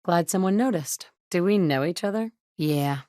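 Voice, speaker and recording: Close to an everyday voice, this low, mellow female read is animated and at normal speed, with no room sound. It comes from an actress in her thirties playing a game's player character, a tough and wry survivor, speaking bluntly from a recording booth on a studio mic.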